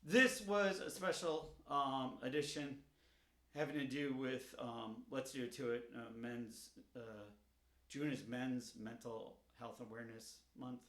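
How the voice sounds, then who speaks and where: A man's voice: medium pitch, unhurried, fairly bright tone, echoey room. A man speaking earnestly to camera in a personal vlog, pleading and repeating himself as he urges viewers to reach out. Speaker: vlogger. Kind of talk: personal awareness message.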